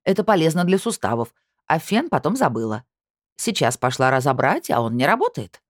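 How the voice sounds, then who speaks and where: A woman's voice: sits low, sing-song, brisk, no echo, clean studio sound. A woman reading an audiobook, voicing an imperious, grumpy older woman who snaps and barks. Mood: huffy. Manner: loud, snapping, indignant.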